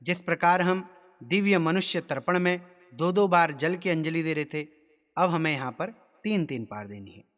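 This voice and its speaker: A man giving a step-by-step ritual lesson, explaining rules in a measured way and chanting mantras slowly. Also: fairly high pitch. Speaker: ritual instructor. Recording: long reverb.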